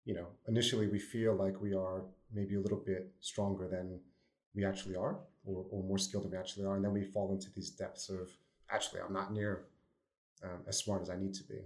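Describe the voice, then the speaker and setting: A man's voice: sits low, darkish tone. A man with a New Jersey accent, a podcast guest speaking thoughtfully in casual discussion and laughing easily. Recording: roomy echo.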